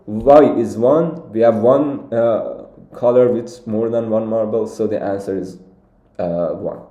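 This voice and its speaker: Speaking in a warm, mid-range voice from an echoey room, this Iranian-born young man streams himself working through contest solutions. He reasons out loud, stumbling over fillers and frequently starting sentences over.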